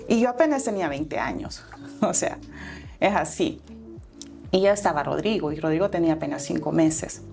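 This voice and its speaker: This woman speaks with a warm tone at medium pitch. She is a Salvadoran entrepreneur in her forties, a guest in an interview, sharing her life story in an earnest, reflective way, with fillers and self-corrections along the way.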